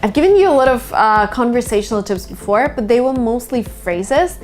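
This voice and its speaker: A woman in her late twenties, born in Russia and speaking English as a second language, hosts a casual lesson. She talks in a slightly high voice, telling little stories with plenty of fillers. Faint music plays behind her. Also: animated, normal speed, darkish tone. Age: 20s. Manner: chatty, storytelling with many uh fillers. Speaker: English teacher.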